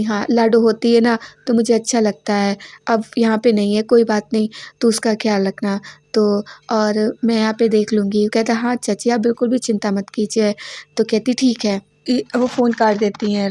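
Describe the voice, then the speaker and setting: Woman casually recapping a tv serial, quotes everyone in her own voice, kinda high and flat, dry mic. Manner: retells scenes in plain storytelling, quoting each character in her own voice. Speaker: voice-over narrator recapping a TV serial.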